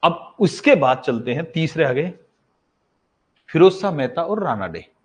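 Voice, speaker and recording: A somewhat high-voiced man teaches history for exam prep in a relaxed way, speaking with lots of animation yet keeping a measured pace. He addresses students as "bhai," asks a question and supplies the answer himself, then repeats the main facts. The lo-fi recording sounds a little dull.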